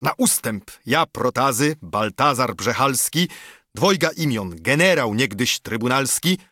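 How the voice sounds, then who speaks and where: A man voicing a pompous, fussy court usher who makes a formal legal proclamation, with a slightly husky voice. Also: medium pitch, lively intonation, measured pace, bright, forceful tone, no echo, clean studio sound, exaggerated voice.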